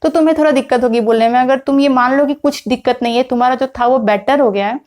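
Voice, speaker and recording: A woman's voice: high-pitched, fast, a little mellow. A young woman from India chatting to camera in a casual vlog, mixing English words into her talk with frequent fillers. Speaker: vlogger.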